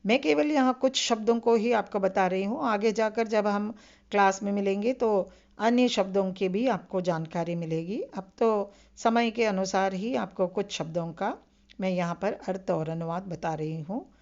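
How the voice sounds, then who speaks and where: A woman teaching a vocabulary lesson, pacing herself patiently and going over each key term again. Her voice sits at a middle pitch. The recording sounds a little dull and lo-fi. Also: moderate pace, a little mellow. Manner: patient, repeats key terms with reminders to remember. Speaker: Hindi lecturer. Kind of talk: recorded online lecture.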